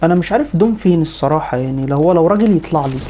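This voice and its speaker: Excitable Egyptian gamer, rapid-fire. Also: male voice, on the high side, background noise. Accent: Egyptian Arabic. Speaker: gaming video host. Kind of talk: excited live gameplay commentary.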